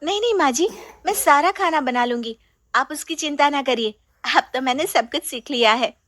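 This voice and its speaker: A woman voicing a young, polite newlywed daughter-in-law in a storybook, gentle and apologetic. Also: high voice, normal speed, no room sound, clean studio sound, voice pushed up. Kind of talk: storybook voice acting.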